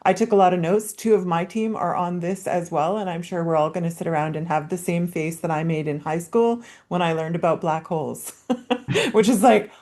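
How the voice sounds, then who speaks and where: A woman with a fairly low voice moderates a webinar panel, passing along audience questions and responding with encouraging, affirming remarks. She speaks over a video call. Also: moderate pace, a little mellow.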